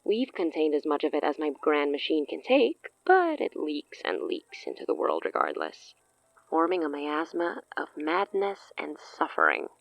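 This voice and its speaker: In a horror audio drama, an actress voices a grandiose, amused sorceress who has lived for ages, speaking eloquently and theatrically with hushed asides. Her female voice is deep and gravelly, very animated at a moderate pace, in a full character voice. The lo-fi recording has no echo, and the mood is ominous and awed.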